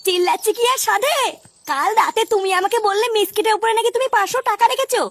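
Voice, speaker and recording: Cartoon granny, old, worrying over money, very high quick voice, noisy track. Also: female voice. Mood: alarmed. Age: older. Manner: fretful, nagging. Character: worried, thrifty old grandmother.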